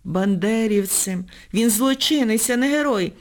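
A woman voicing a bossy, proud Soviet schoolgirl who lectures and scolds in indignant, shrill outbursts. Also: unhurried, a little mellow, close to an everyday voice.

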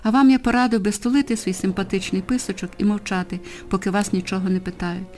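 A heavy-set male policeman arrives at night, as a woman reading the story puts him on. He barks short, unhurried orders and leaves no room for argument. The voice has a mellow, unbright tone under the authority. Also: medium pitch, steady tone, faint music behind, close to an everyday voice. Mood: commanding. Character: burly male night policeman, calm and commanding.

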